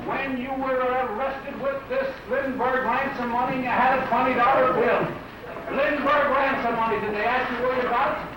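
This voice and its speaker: A man cross-examines with pressing, repeated questions, his voice pitched very high. It comes through as archival 1930s newsreel sound, heard from a distance. Heavy echo and steady hiss hang over every word. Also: moderate pace. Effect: archival 1930s newsreel audio. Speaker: prosecutor. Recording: echoey, distant, noisy old newsreel recording.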